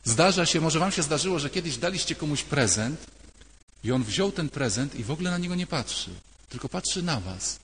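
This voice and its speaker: Older priest preaching in echoing church. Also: male voice, a little high, lively intonation, a little fast, a bit bright, slight background noise. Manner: conversational, emphatic with repeated phrases. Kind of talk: sermon. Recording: long church reverb.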